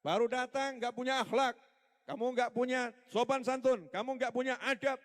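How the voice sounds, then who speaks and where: A man's voice: very high-pitched, fairly even intonation, moderate pace, voice pushed up. A man voicing an indignant man who scolds someone for interrupting him, in an irritated, lecturing tone. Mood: indignant scolding. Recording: echoey hall reverb.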